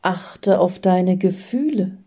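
A woman voicing a calm, patient female guide who gently instructs a doubting man. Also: fairly low pitch, slow pace. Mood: gentle.

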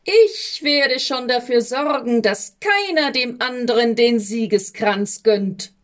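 A woman's voice: fairly high pitch, takes it slowly. A woman plays Rivalry as a gleeful schemer rubbing its hands together. The voice is lifted and pleased with itself, in a storybook reading.

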